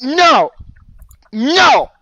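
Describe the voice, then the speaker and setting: A man's voice: extremely high pitch, sing-song, extremely slow, vocal fry, bright, forceful tone, lo-fi sound. A young man hosting a casual podcast chat with friends, often laughing as he talks. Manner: giggly, talks through laughter. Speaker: podcast host.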